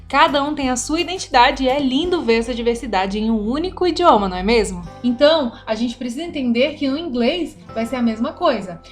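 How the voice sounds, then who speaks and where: Woman from brasília teaching a lesson, pretty high voice, chatty, keeps asking the viewer stuff, soft music behind. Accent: Brasília Brazilian Portuguese. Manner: conversational, addressing the viewer directly with questions. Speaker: English teacher. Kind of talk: direct-to-viewer video lesson.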